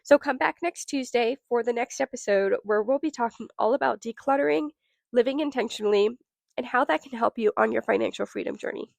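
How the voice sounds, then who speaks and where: A young adult woman hosting a solo podcast, sounding nasal from a cold, giving listeners an upbeat, direct pitch. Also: gravelly, no room sound. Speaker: podcast host.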